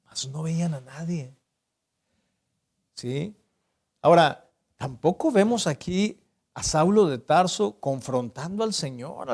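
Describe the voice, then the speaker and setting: Mexican pastor guy preaching, fairly high voice, acts out the bible lines, keeps asking ¿verdad?. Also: gravelly. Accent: Mexican Spanish. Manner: animated preaching, acts out Bible dialogue with sudden pitch jumps; asks the congregation "¿verdad?" and "¿sí?" often. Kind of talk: sermon.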